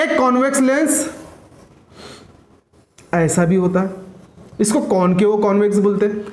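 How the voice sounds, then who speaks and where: A man's voice: high voice, darkish tone, reverberant. A man teaching a school science lecture, who keeps asking questions, repeats the answers and calls his students "beta". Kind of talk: classroom lecture.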